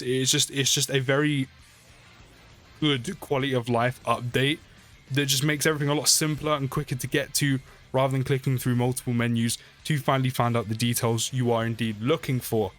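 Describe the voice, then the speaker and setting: A gaming video creator gives casual, chatty game update commentary, often repeating phrases for emphasis. His voice has a medium pitch and fairly bright tone, with music playing behind him.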